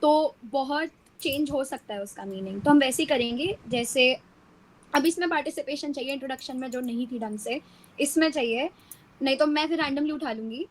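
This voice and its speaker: A young woman hosting an online workshop over a video call, briskly explaining the rules of a speaking exercise in Hindi and English. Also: sits high, rough recording. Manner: brisk, instructive. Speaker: workshop host. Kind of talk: explaining an activity.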